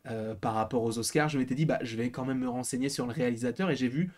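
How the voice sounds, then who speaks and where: A man's voice: mid-range voice, fast talker, darkish tone. A man giving casual film commentary, hesitant and full of fillers, a bit tired. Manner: hesitant, many fillers and restarts.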